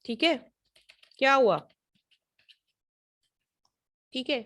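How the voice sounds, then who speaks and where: A woman's voice: high-pitched, animated, fairly bright tone. Pakistani woman lecturing online. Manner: explanatory, repeats English phrases slowly then fast; checks understanding often. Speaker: university lecturer.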